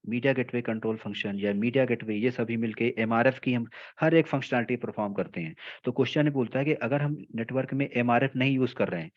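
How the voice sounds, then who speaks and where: A man gives a technical class at a patient, deliberate pace, going back over each point and pausing to check that his students follow. His voice sits at an ordinary middle pitch, and the recording sounds somewhat dull and muffled. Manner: explains slowly in Hindi mixed with English terms, checks in often with "theek hai". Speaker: telecom trainer. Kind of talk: technical lecture.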